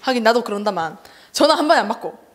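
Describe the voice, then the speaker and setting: Lively young woman preaching to children. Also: fairly high pitch, fast talker. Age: young adult. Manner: chatty and animated, acts out relatives' voices with laughter. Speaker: junior evangelist preaching to a children's service. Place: church hall.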